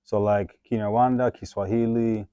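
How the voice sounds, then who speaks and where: A man hosts an interview and asks long, easygoing questions full of fillers. His voice is low and dark. The recording sounds dull and muffled. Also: flat delivery, moderate pace, smooth, no echo. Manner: laid-back, rambling questions with fillers. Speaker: host. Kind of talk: casual interview.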